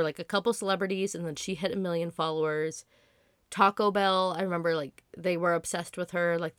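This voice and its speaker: A woman in her twenties hosting a podcast in a casual solo chat, hoarse from being sick, rambling and chatty with lots of "like" fillers. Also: lowish voice, no room sound, studio quality. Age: 20s. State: hoarse from illness. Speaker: podcast host.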